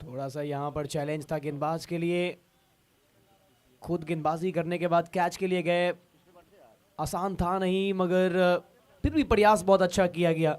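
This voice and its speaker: A man's voice: high-pitched, steady tone, unhurried, pauses often, darkish tone, clear, resonant tone. A man commentating on live cricket, discussing the match with a partner and addressing viewers. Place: commentary box at a cricket ground.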